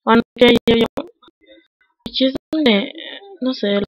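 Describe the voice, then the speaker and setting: A man with a Mexican accent giving casual gameplay commentary over a headset, muttering quietly to himself in slang with sudden excited outbursts. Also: very high voice, measured pace, dry recording, low-quality recording. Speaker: gamer.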